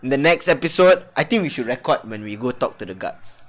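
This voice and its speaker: A young man streaming a football video game, chatting loudly and joking with slang. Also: medium pitch, lively intonation, brisk. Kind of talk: casual gaming stream chat.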